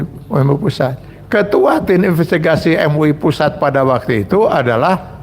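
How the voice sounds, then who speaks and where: A man's voice: fairly high pitch, gravelly, a little hiss or hum. A man, an Islamic cleric giving a religious lecture and telling personal stories earnestly, speaking straight to his audience. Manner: earnest storytelling that addresses the audience directly.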